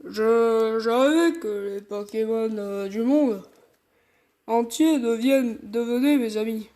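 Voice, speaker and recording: A woman voicing a young neighbor girl in a gruff deep voice with a southern French accent, halting at the start of lines. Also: warm tone. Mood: shy.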